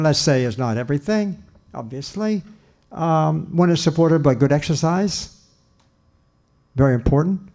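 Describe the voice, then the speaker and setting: A man's voice: medium pitch, dark tone. An older man giving a public lecture in a church, earnest and emphatic, repeating his key points and restarting sentences. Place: church hall.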